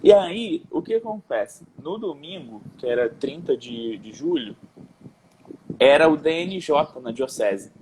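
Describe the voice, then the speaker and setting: A man's voice: on the high side, sing-song, a little slow, a little mellow, a little hiss or hum, rough recording. A man on a video call casually telling a personal faith testimony, acting out the quoted dialogue with slang fillers. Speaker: guest sharing a faith testimony.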